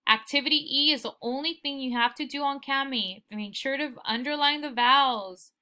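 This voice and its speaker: A woman teacher giving an online pronunciation lesson, modeling words slowly and carefully for her students. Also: sits high, bright, forceful tone. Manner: slow, careful modeling of word sounds.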